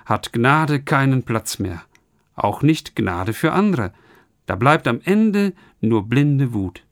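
Male radio preacher, earnest and direct, voice pitched a little high, dry studio sound. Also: dry recording. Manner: earnest, addresses listeners directly. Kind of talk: radio sermon.

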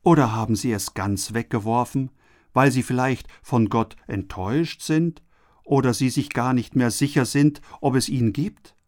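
A man's voice: mid-range voice, moderate pace, darkish tone. A man delivering a scripted radio sermon, speaking earnestly and addressing the listeners directly. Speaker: radio preacher. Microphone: studio microphone.

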